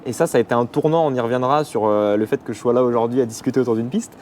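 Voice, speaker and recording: Young man from the Paris region, quick casual guest talk full of fillers, faint noise behind. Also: mid-range voice, darkish tone. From Paris region, France. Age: 20s. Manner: rapid, hesitant with many fillers. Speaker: athlete guest. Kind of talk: casual interview.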